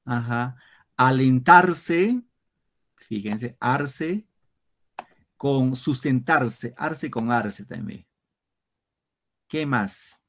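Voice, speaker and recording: A male teacher giving an online literature class, explaining slowly and step by step to his students. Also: mid-range voice, animated, vocal fry. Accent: Peruvian Spanish. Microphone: computer mic on a video lesson.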